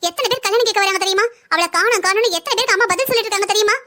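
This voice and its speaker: A woman voicing a bossy, sharp-tongued older sister-in-law who taunts and scolds in a cartoon family story. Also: extremely high pitch, very fast. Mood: scolding.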